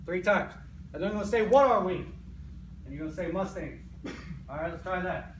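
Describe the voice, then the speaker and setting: A slightly high, fairly bright male voice moves at a quick pace as an American army sergeant gives a motivational pre-game speech. He hammers points home through repetition and frequent "right?" check-ins, recorded on a far-off mic in an echoey, noisy room.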